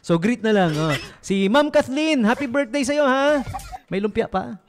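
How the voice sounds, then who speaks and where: A man's voice: very high-pitched, expressive, a little slow, noisy background. A man with a Filipino accent, a radio DJ chatting casually on air, joking and laughing often. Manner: jokey, laughs often, mixes English into Tagalog. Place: radio studio.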